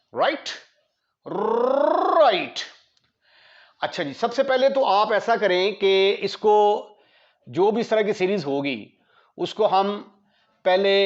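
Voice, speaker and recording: A man with a Pakistani accent teaching maths in a classroom lecture, mixing Hindi-Urdu with English terms and asking students quick checks. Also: fairly high pitch. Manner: asks students rhetorical checks. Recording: dull lo-fi lecture audio.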